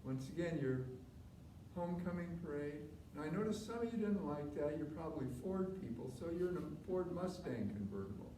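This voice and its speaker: A man's voice: fairly high pitch, animated, fairly quick, warm tone. Man teaching tai chi, distant and echoey. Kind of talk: live movement instruction, step-by-step cues. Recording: distant mic, roomy echo, clear background noise.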